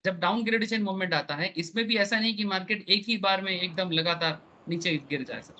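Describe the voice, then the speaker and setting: A man teaching a live online class. His voice sits high and sounds bright and forward. He keeps checking that the students follow and leans on homely analogies. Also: a little fast, slight background noise.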